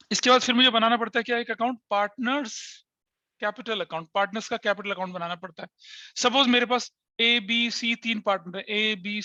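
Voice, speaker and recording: A man's voice: sits high, pushed and bright, no echo, muffled recording. A man teaching a class step by step, who often asks his students questions and mixes in English terms. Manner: explains step by step with frequent checking questions to students. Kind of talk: classroom lecture.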